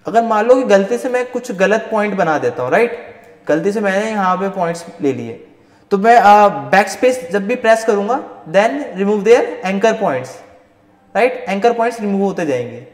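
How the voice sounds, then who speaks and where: High-pitched male teacher, echoey room. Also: expressive, normal speed. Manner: mixes Hindi and English, checks in often with "right?". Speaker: Photoshop instructor. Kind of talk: live online class teaching. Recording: roomy echoey long reverb.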